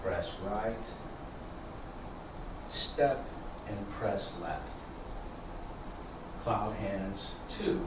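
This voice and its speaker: A man leading tai chi practice as instructor, calling serene, sparse movement cues in calm, measured short phrases. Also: on the low side. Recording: echoey room, distant mic, background noise.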